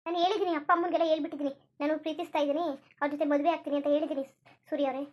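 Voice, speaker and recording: A woman's voice: sits high, steady tone, rapid-fire, close to an everyday voice. A woman voicing a lovesick, clingy young woman in a cartoon, pleading and repeating herself insistently. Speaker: cartoon character. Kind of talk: Kannada cartoon voice acting.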